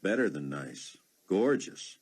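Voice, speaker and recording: A man's voice: low voice, very animated, slow pace, creaky, a little mellow, breathy edge, exaggerated voice. A man voicing a wary, defensive male journalist in an audiobook.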